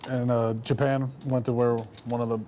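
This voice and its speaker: A man's voice: medium pitch, little pitch movement, moderate pace, a crowd in the background. A man, a poker player telling stories in casual banter at the table.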